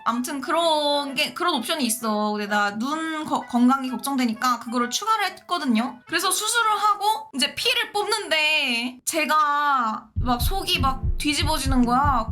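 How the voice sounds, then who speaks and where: High, bright, animated young woman storyteller. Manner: lively, laughing, acts out other people's lines. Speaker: virtual streamer and illustrator.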